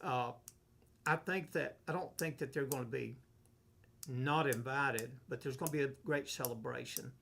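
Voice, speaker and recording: A man, a pastor, leading a relaxed Bible study, reading verses aloud and explaining them, asking and answering his own questions. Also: medium pitch, gravelly, a little hiss or hum. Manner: unhurried, asks himself questions and answers them. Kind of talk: conversational Bible teaching.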